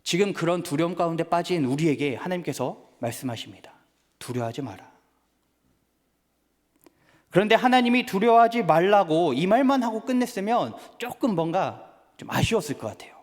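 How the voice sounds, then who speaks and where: A man pastor preaching a sermon at a church service, animated and acting out family conversations. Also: sits high, a little fast. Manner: animated, acts out family dialogues. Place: church sanctuary. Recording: reverberant church hall.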